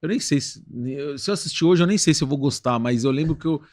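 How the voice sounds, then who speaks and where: A man as a podcast guest, telling stories in a relaxed, slangy way and laughing easily. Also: fairly high pitch, fast, no room sound. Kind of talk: casual chat.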